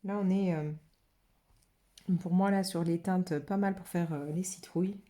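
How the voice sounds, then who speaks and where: Chatty French woman, low mellow voice. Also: fairly even intonation, unhurried. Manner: chatty, thinking aloud with many fillers. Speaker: watercolour channel host. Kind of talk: casual art demo narration.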